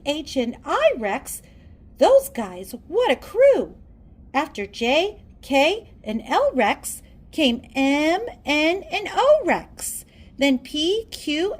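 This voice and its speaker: A woman reads a children's story aloud as a storybook reader. Her high voice swoops widely in pitch, and she takes her time, shaping phrases theatrically.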